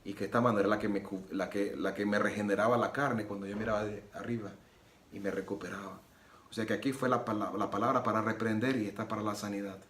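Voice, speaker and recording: A man's voice: lowish voice, fairly even intonation, fast. A man giving an earnest personal religious testimony, repeating phrases and acting out the dialogue as he retells it. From Nicaragua. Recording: roomy echo with soft guitar music.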